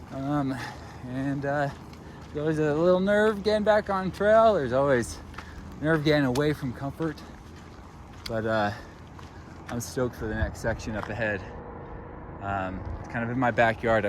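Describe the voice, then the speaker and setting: A man talks to his camera while hiking a mountain trail, his voice sitting at an ordinary middle pitch. He rambles casually, full of fillers and easy asides. Light rain, wind and hail patter faintly behind him in the open air. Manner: relaxed, rambling, with many fillers. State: a little out of breath. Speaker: thru-hiker vlogger. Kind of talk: casual trail vlog narration.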